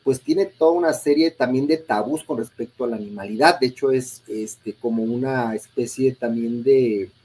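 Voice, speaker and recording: A man hosting a conversational interview, speaking in a measured, reflective way with frequent filler pauses. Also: mid-range voice, mellow, breathy edge, poor audio. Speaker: host.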